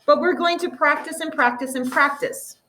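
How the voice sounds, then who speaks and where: A woman teaching a math lesson to a classroom, explaining step by step and slowly drawing out the numbers. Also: sits high, sharp tone, far from the mic, low-quality recording.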